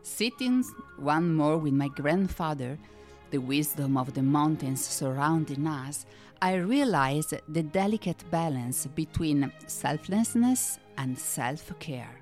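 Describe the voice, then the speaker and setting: Female storybook narrator, low and expressive, slow delivery. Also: faint music behind.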